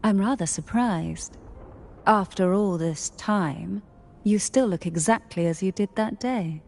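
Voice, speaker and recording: An actress voicing a composed, cool noblewoman in video game dialogue, measured and poised. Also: medium pitch, darkish tone.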